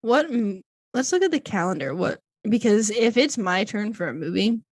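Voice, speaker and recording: A woman's voice: medium pitch, expressive, moderate pace, no echo. A woman co-hosting a podcast in casual chat, rambling and laughing often. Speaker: podcast co-host.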